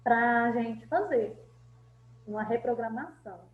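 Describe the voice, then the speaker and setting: Uma mulher co-apresentadora de um grupo terapêutico, incentivando o público e chamando todos de "gente". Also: female voice, on the high side, unhurried. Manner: addresses the audience often as "gente", encouraging. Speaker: co-host of a therapy group. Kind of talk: live group session chat. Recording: lo-fi, roomy, faint hum.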